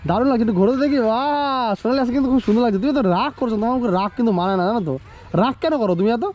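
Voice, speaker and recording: A man vlogging outdoors at a fair, pleading with his partner and repeating words in rapid bursts. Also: very high voice, a little mellow, highs cut off. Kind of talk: casual vlog banter. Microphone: camera-mounted mic.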